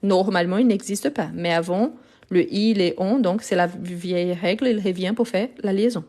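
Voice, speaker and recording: Woman, French teacher, warm mellow tone, patient explanations, live phone stream. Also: mid-range voice, normal speed. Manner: patient, explanatory, repeats key words. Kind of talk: live online grammar lesson.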